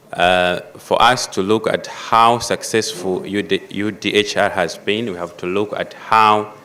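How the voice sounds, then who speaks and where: A man giving a formal panel address, measured and emphatic, stressing key phrases as he goes. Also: sits low, a bit bright. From Malawi. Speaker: panel speaker.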